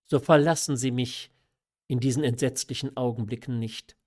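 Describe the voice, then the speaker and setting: A man's voice: fairly high pitch, big pitch swings, measured pace, darkish tone. A man reading aloud who voices a desperate, pleading young noblewoman in a classic story. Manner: emotional, imploring. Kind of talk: audiobook reading of a classic novella.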